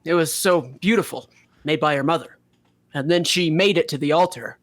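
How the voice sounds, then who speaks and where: In a joking group reading of fan fiction, a man voices a character's lines and tosses in humorous asides. His voice sits a little high, his speed is normal, and there's no echo.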